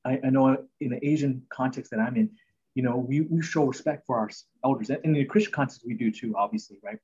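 A man's voice: medium pitch, quick pace, warm tone, breathy edge, highs cut off. A man hosting a podcast, talking through Bible passages in an earnest, rambling way with many fillers and restarts. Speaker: podcast host. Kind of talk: casual Bible teaching chat.

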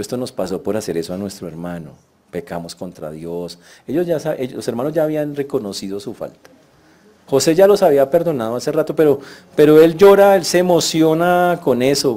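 A man's voice: mid-range voice, warm tone. A man preaching a sermon, telling the story vividly and acting out the voices of the people he quotes.

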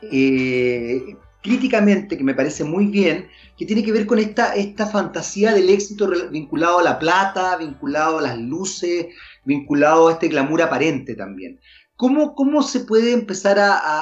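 A man hosting a podcast, asking long, hesitant questions full of restarts and fillers. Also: on the high side. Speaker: podcast host. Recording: dull lo-fi audio.

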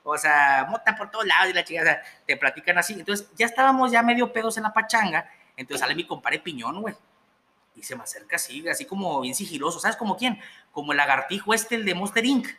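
A man's voice: high-pitched, animated, quick pace, sharp tone, a little hiss or hum. A young man with a Mexican accent telling a story in casual, profane, slang-heavy chat and laughing as he goes.

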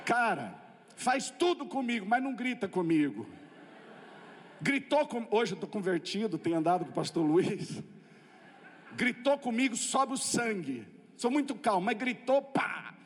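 A man with a Brazilian accent preaching a testimony sermon, telling stories with lively comic asides. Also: high-pitched, a little slow, breathy edge, big-room sound.

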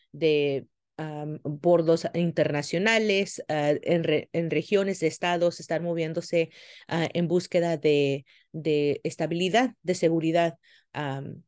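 A middle-aged woman from South Texas telling her story in a podcast interview, halting with many fillers and restarts. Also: low-pitched, darkish tone, dry recording. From South Texas, US border. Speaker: guest, farmworker advocate.

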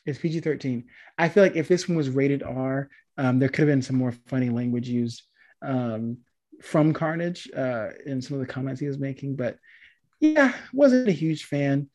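A man's voice: medium pitch, lively intonation, normal speed, a little mellow. A man chatting casually about a film he just saw, hesitant and meandering, with many ums and restarts. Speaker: movie review co-host. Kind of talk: casual chat.

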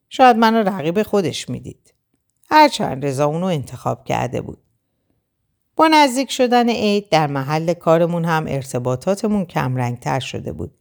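A woman reads a first-person novel aloud as narrator, telling the story with expression. Her voice is low for a woman, yet her pitch moves widely and keeps the telling animated. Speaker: audiobook narrator.

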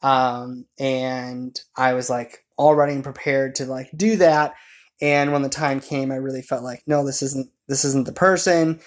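A man with a mid-range, steady voice tells a personal story in casual conversation. He rambles and halts, frequently correcting himself along the way.

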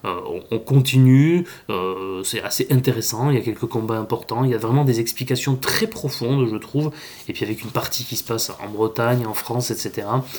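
Male podcast host, casual review delivery, halting and chatty, mid-range voice. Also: medium pitch, a little mellow. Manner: hesitant, lots of filler sounds, chatty.

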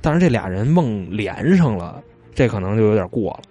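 A man's voice: fairly low pitch, very animated, a little fast, mellow, slightly rough, lo-fi sound, faint music behind. Chatty man telling stories. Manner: chatty, retells stories with loose asides. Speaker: storyteller. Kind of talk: casual storytelling chat.

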